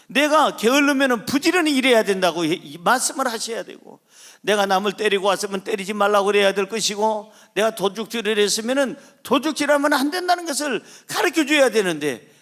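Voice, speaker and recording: A man's voice: high-pitched, fairly bright tone, heavily acted. A male preacher voicing a resentful grown son in prison who blames his father, speaking in a bitter, accusing way.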